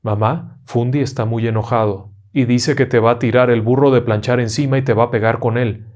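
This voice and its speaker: A man's voice: medium pitch, steady tone, fairly quick, a little mellow, close to an everyday voice. A man voicing a small pleading girl. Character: small girl insisting she is innocent.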